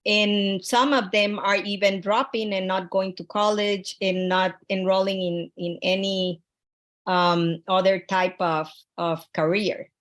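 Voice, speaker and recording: A woman from Honduras presenting her research proposal over a video call, earnest and halting, with frequent fillers and restarts. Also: medium pitch, fairly even intonation.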